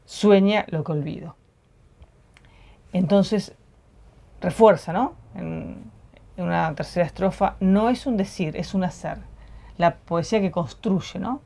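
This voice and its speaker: Woman, lowish voice, poetry reading and talk, measured, reflective. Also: vocal fry, mellow. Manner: reflective, measured, frequent tag questions. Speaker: poetry program co-host.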